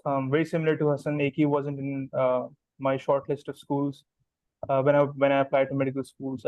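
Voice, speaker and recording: A man's voice: medium pitch, no echo, low-quality recording. A young man in his twenties with a Pakistani accent, a guest doctor talking casually and slipping Urdu phrases into his English. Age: 20s. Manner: mixes Urdu phrases into English, steady and measured. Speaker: guest, newly matched doctor. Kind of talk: casual conversational answers.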